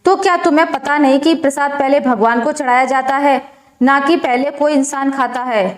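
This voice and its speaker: A sharp-tongued older mother-in-law, as a woman storyteller voices her nags and scolds in a fairly high voice. The narration has a roomy echo around it. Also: steady tone, moderate pace, close to an everyday voice. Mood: scolding. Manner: sharp, nagging.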